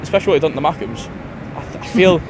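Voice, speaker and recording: A man's voice: fairly high pitch, lively intonation. A man giving a hesitant football opinion. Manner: hesitant, then quick. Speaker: football fan interviewee. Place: outdoors on a street. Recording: street noise behind.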